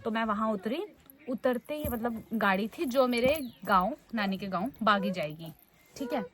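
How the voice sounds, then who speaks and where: A young woman with a fairly high voice chats to camera as a travel vlogger. She retells her story in a lively, casual way and fills it with little filler words. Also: normal speed. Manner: chatty, animated retelling full of fillers.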